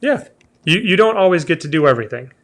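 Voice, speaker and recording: A travel show host with a high-ish, somewhat bright voice talks quickly, his pitch swinging widely. He has the hiccups while leading a casual travel chat, chatting away and often restarting his sentences.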